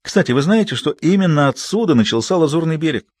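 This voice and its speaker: A man voicing an excitable, aging French gentleman who proposes grandly and talks in effusive exclamations. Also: on the high side, fast, no room sound, studio quality, voice pushed up. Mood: expansive.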